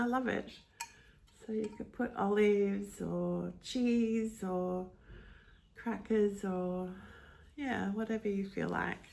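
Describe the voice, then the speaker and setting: A woman vlogger with a medium-pitched voice and vocal fry sounds nasal and stuffed up from hay fever. She casually shows off her thrift-shop finds, gentle and unhurried, with plenty of ums.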